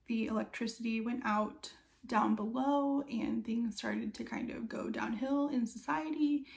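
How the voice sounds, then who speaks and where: A woman's voice: on the high side, creaky, a little mellow. A woman around her thirties giving a casual, chatty book review in a conversational way, with loose asides. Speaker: book reviewer and video host.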